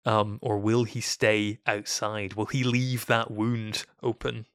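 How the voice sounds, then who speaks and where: A man's voice: on the low side, level tone, slow pace, a bit bright, smooth, no room sound. Man with a dry close sound. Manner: reflective, explanatory, acts out quoted voices. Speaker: podcast co-host. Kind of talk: casual podcast discussion of a Bible story.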